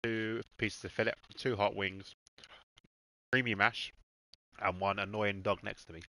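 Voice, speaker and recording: A man's voice: fairly low pitch, steady tone, measured pace, sharp tone, dry recording, poor audio. A man streaming a racing game, chatting casually and swearing freely while he eats. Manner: laid-back, swears freely, talks to his dog and chat.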